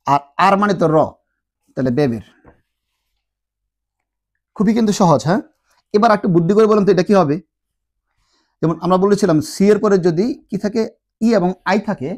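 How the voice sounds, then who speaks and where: Sounding out each syllable slowly, a high-pitched language teacher with a darkish tone leads a tutorial lesson. He patiently asks his listeners questions, then supplies the answers himself.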